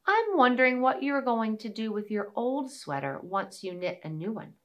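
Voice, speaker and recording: A woman voicing a tiny, polite, curious female mouse in a storybook tale, with a high, eager voice. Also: big pitch swings, moderate pace.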